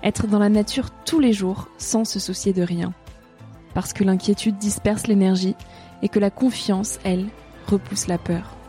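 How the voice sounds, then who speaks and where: Woman podcast host, mellow, scripted narration, measured and earnest. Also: mid-range voice, steady tone, faint music behind. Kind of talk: scripted narration and voice-over translation.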